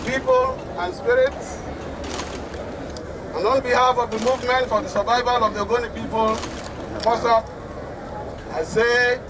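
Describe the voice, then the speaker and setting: A man delivers a ceremonial public address in a very high, slow, declamatory voice. He sounds far from the mic, with loud street and vehicle noise around him. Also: animated. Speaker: community leader. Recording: distant outdoor recording with traffic.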